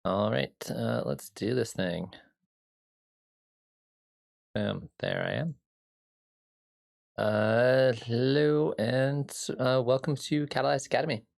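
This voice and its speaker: A man with a medium-pitched, very animated voice speaks slowly, pausing often, his tone creaky, a little mellow and slightly scratchy. He hosts a casual music production livestream, rambling with many fillers while greeting viewers by name and answering chat.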